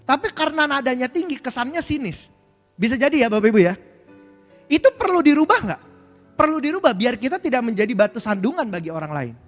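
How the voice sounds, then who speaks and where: A man's voice: extremely high pitch, very animated, quick pace. A male pastor preaching a conversational sermon, speaking directly to the congregation and using frequent filler tags. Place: church hall. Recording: church hall reverb with faint music.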